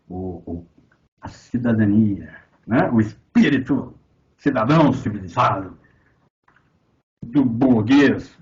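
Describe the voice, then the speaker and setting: A man from Brazil with a Minas Gerais accent, lecturing on philosophy in a sarcastic, profane way, with loud outbursts and quiet asides. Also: mid-range voice, muffled recording. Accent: Minas Gerais Portuguese. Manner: sarcastic, swearing, swings from loud outbursts to mutters. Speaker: philosophy teacher. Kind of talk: lecture commentary on a text.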